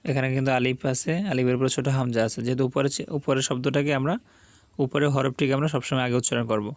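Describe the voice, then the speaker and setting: A man's voice: medium pitch, level tone, fast, no echo. A man teaching beginners to read the Quran, spelling out Arabic syllables and patiently repeating each one twice.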